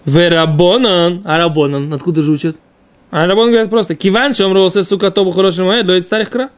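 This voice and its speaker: A man's voice: high voice, fairly quick. A man giving an informal religious text lesson as a teacher, explaining by asking and answering his own questions. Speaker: Talmud teacher.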